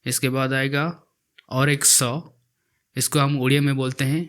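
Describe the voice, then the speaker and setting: Male teacher, unhurried voice-over alphabet lesson, patient repetition. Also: medium pitch, completely flat delivery, a bit bright. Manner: repeats each letter slowly while writing it. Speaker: language teacher.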